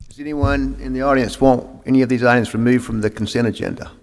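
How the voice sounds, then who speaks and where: A man of middling pitch chairs a public board meeting, running through procedure in a formal, measured way with the odd "uh". His voice rings with the long reverb of a city hall chamber, picked up by a meeting microphone. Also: steady tone. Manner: formal, procedural, with frequent "uh" fillers. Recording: echoey council chamber.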